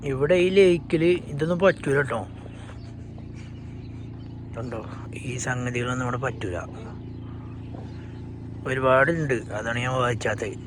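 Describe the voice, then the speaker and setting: A man's voice: mid-range voice, a little slow, pauses often. A man with a Malayali accent chatting casually for an outdoor travel vlog, mixing English words into his Malayalam. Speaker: vlogger. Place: outdoors in the open. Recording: noisy outdoor recording with animal and vehicle sounds.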